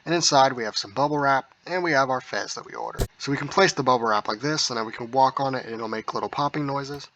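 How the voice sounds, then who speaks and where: Bright-voiced man on a low-quality stream. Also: quick pace, hardly any pauses, a little hiss or hum. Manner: relaxed, rambling, with frequent ums and hedges. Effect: low-quality audio capture. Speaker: mod review video host. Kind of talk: casual gameplay walkthrough.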